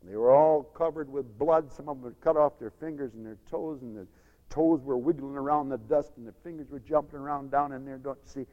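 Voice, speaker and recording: A man preaching a sermon as dramatic storytelling, acting out crowds and swinging from loud shouts to hushed asides. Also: mid-range voice, fairly quick, lo-fi sound. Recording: long hall reverb.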